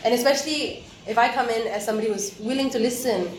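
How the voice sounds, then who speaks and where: A woman from Malaysia with a Malaysian English accent, a teacher talking through her views in a casual conversation, thoughtful and quick to laugh, often restarting her sentences. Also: fairly high pitch, slight background noise. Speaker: guest, teacher. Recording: roomy room echo.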